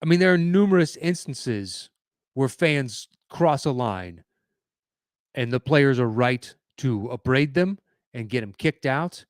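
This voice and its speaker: A man's voice: medium pitch, animated, unhurried, no room sound, clean studio sound. A man hosting a podcast, giving opinionated solo commentary in a conversational way with fillers and restarts. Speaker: podcast host.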